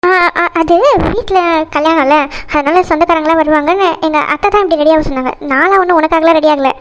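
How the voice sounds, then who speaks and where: A woman's voice: sits high, natural voice. Woman voicing a fiery, scolding cartoon bride. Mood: defensive. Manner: sharp, scolding, quick retorts. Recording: dull lo-fi sound.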